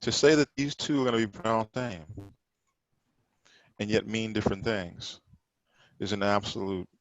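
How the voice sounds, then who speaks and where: A man leads a Sabbath study class with a low, gravelly voice. He explains patiently but emphatically, hammering points home by repeating words. The sound is dry and close. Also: no room sound, lo-fi sound. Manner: explanatory, emphatic, repeats words while correcting others' pronunciation. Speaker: teacher.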